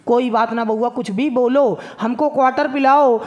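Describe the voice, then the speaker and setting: A male coaching-class physics teacher drills exam material. His voice runs high, and he teaches in a playful, sing-song manner. He keeps breaking into folksy dialect banter with his students. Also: steady tone, normal speed, lo-fi sound. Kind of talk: exam-prep physics lesson.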